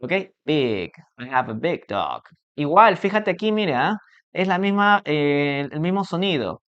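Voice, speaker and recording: Slow, patient man teaching English. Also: on the high side, animated, a bit bright, clear, resonant tone. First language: Spanish. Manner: patient, repetitive, checks understanding with frequent "okay?". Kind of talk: live online English lesson. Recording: dull lo-fi stream audio.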